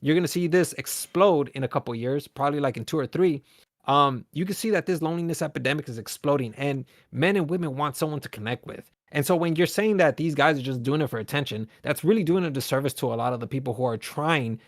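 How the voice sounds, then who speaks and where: Fast, insistent male debate host, slightly high voice, dry sound. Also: no echo. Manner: fast, pushy questioning, interrupts. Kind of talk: live online debate.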